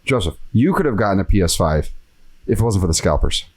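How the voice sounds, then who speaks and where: A man's voice: sits low, big pitch swings, quick pace. A man hosting a podcast, talking in casual chat and ranting with exasperated energy. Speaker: podcast host.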